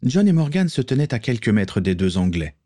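A man narrating a story in a steady audiobook reading. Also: medium pitch, brisk.

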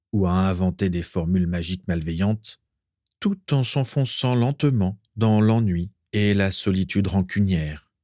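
Brief: low male narrator, dry close sound, steady storybook reading. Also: no echo. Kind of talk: audiobook reading of fan fiction.

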